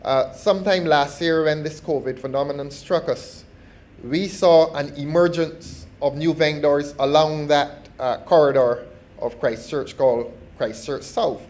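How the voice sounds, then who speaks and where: A middle-aged man with a Barbadian accent gives a formal parliamentary speech, measured and deliberate, often restarting his phrases. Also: fairly high pitch, steady tone, a little mellow. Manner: measured and formal, with repeated false starts. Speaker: member of parliament.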